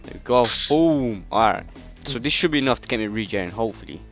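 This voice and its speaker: A man's voice: medium pitch, lively intonation, quick pace, over music. A British man hosting a gaming channel, chatting casually through gameplay with friends and yelping when startled.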